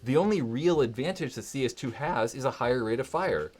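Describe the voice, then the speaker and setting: A man's voice: mid-range voice, lively intonation, brisk, darkish tone. Rambling male livestream host. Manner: rambling, frequent "like" and "right?"; candid, swears casually. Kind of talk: casual livestream talk. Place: home.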